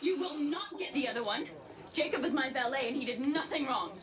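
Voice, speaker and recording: A proud society wife who stands her ground with firm, commanding speech. Her voice sits somewhat high. A loud crowd murmurs behind her. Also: lively intonation, a little fast. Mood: defiant. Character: proud, defiant society wife, adult woman. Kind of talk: TV drama dialogue.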